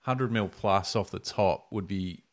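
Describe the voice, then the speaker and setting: A man's voice: low voice, a little slow. An Australian man hosting a podcast, asking questions in a casual, conversational way. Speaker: podcast host. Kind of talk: casual interview chat.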